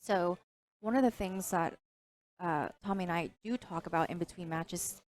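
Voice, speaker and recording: A woman's voice: on the low side, normal speed. A woman who is not a native English speaker, chatting casually as a pool match commentator and laughing at her own jokes.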